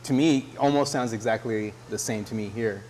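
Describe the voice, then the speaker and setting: A man from Texas, co-hosting a casual chat show in a relaxed, easygoing way with plenty of "uh"s. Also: medium pitch, moderate pace. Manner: relaxed, uses "y'all", frequent "uh" fillers. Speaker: co-host.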